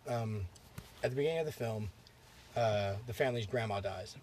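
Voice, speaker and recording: A man's voice: lowish voice, moderate pace, background noise. A man with a congested throat hosting a podcast, telling movie plots in a rambling, profane way with lots of fillers. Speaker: podcast host. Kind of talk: casual chat, storytelling.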